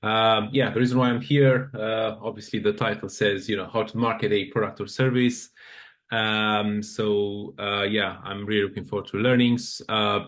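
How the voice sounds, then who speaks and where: A man's voice: lowish voice, steady tone, moderate pace, a bit bright. A man from Romania introducing himself on a video call, chatty and full of filler phrases. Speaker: product consultant.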